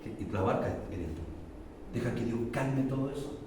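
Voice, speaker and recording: A middle-aged man with a Chilean accent, preaching a sermon as pastor, shifting from loud emphatic peaks to low confiding testimony. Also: normal speed. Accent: Chilean Spanish. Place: church hall. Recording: echoey church hall, mic far off, faint noise.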